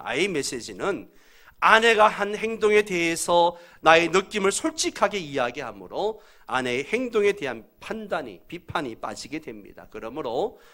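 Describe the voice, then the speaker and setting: A middle-aged man gives a sermon from the pulpit. His tone is bright and forward, and his pitch rises and falls a great deal. He keeps calling out to the congregation for a response. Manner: acts out angry quoted lines in a raised voice. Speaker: pastor.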